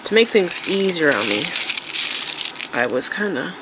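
Her pitch is fairly low and her delivery sing-song and a little slow as this woman, congested and nasal from allergies, eagerly chats through her craft supplies. She's at an indoor table with an overhead camera on her hands, speaking casually with fillers and restarts. Background noise can be heard.

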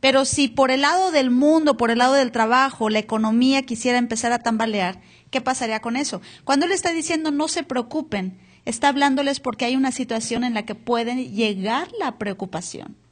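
A woman's voice: sits high, a little fast, hardly any pauses. A woman pastor preaching a live church sermon, asking the congregation to read along and repeat words aloud. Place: church hall, captured live.

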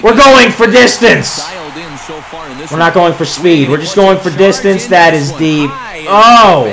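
Male gamer, high-pitched, slow-paced, excitable sportscaster-style gameplay commentary. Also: poor audio. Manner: excitable, calling home runs like a sportscaster. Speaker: gaming video creator.

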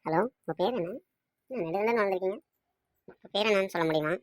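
A woman's voice: mid-range voice, quick pace, no echo, clean studio sound, lightly acted. Woman doing a brash, teasing young man. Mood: wheedling. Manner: brash, boastful, mocking. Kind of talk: cartoon voice acting.

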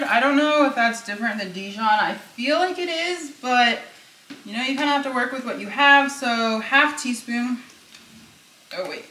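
This young cooking vlogger's voice sits on the high side and has a sharp tone. She narrates a cook-along casually from her home kitchen, chatting and thinking out loud beside a sizzling pan, and the audio carries echo and faint noise.

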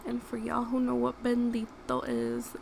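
Playing a game on her YouTube channel, a young Puerto Rican woman chats away, talking back to the characters and erupting in outrage as she scolds them. Her voice is on the high side, gravelly and darkish, very animated though a little slow. It's a noisy home recording.

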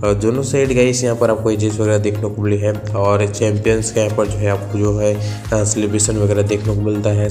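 Mellow-voiced man narrating game update. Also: fairly low pitch. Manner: filler-heavy, repeats "guys" often. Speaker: gaming channel host. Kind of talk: game update review voice-over. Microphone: voice-over over screen recording. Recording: echoey room with faint background music.

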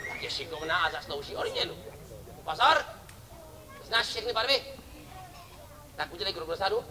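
A man's voice: extremely high pitch, background noise. A man performing as a street clown for children at an outdoor summer festival, joking and teasing volunteers from the audience. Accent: Czech. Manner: playful, teasing banter with kids and audience. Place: outdoor festival stage before a crowd. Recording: lively crowd behind.

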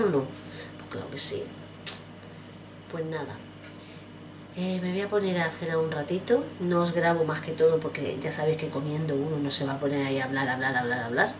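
Low-voiced chatty woman vlogging. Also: noisy background. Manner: rambling, chatty, affectionate, addresses viewers directly. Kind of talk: casual chat to camera.

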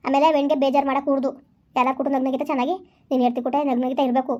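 A woman's voice: high voice, flat delivery, rapid-fire, a little mellow, lo-fi sound, close to an everyday voice. A woman playing a stern village mother in a family skit, scolding her son bluntly and bossily.

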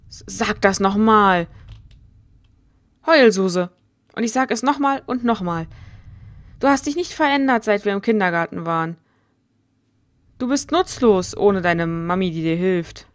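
A woman's voice: medium pitch, animated, moderate pace, voice pushed down, natural voice. A woman voicing a plucky, stubborn young girl who speaks bluntly and earnestly, reading game dialogue aloud. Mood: defiant.

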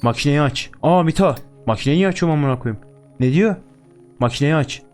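A man's voice: on the high side, lively intonation, brisk, a little mellow. Young guy doing a let's play, crude jokes nonstop, music faint behind. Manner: crude, joking, swears constantly. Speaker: gaming YouTuber.

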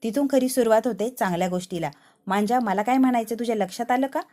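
A woman voicing a cheerful young woman who calmly encourages a friend not to lose hope. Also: fairly high pitch, fast, close to an everyday voice. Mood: reassuring. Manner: soothing, encouraging.

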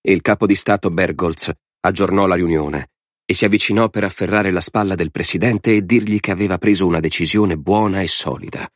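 A man narrating an audiobook in a measured, dramatic way. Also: low-pitched, fairly even intonation, no room sound, clean studio sound. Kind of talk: scripted narration.

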